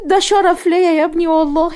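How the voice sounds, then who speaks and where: A woman with an Egyptian accent voicing an eager, flattering middle-aged mother. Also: very high voice, fast talker, pitched above the performer's own voice. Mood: gushing. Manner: gushing, flattering.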